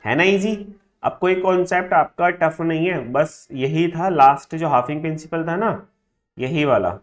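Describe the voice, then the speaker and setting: Man teaching shorthand, drilling words aloud. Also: on the high side. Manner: drills words by repeating them slowly, checks understanding with frequent tag questions. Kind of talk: classroom lesson.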